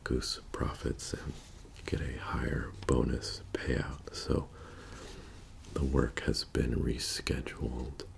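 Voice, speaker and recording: A man in a whispered role-play as a methodical bank heist planner, speaking in a soft, whispery, halting and matter-of-fact murmur. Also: extremely low pitch, little pitch movement, vocal fry, heavily acted. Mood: calm, methodical. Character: methodical male bank heist crew planner briefing his team.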